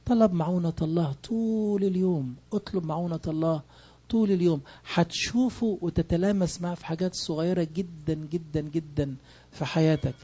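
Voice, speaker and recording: A man with an Egyptian Arabic accent preaches a sermon, speaking emphatically and posing rhetorical questions that he then answers himself. His voice is on the high side, brisk, mellow and slightly rough, and the recording is muffled.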